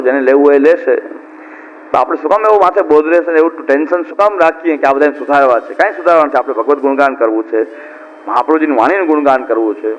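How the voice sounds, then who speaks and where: Higher-voiced man preaching a devotional discourse. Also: in a large hall. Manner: conversational, repeats points for emphasis. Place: discourse hall at a religious camp. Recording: dull lo-fi with faint hiss.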